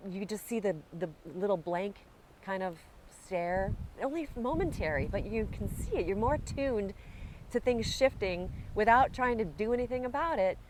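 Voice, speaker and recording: An animated woman guest swearing freely in loose conversation. she sounds outdoors, with a faint hiss of noise under the voice. her pitch sits at an ordinary middle level. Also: moderate pace, rough recording. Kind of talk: casual spiritual conversation. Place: outdoors in Hawaiian upcountry.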